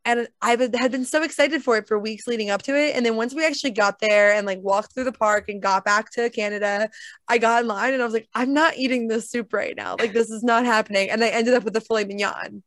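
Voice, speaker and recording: A young woman co-hosting a casual chat, talking in a chatty, animated way and correcting herself as she goes. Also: a little high, fast, dry recording. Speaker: podcast co-host.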